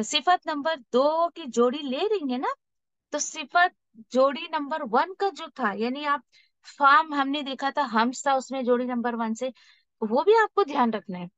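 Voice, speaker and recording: An unhurried woman teaches Quran recitation, explaining patiently and stretching out example words. Her voice sits fairly high. The recording is dull and dry, with no room sound. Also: fairly bright tone, no room sound. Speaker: tajweed teacher.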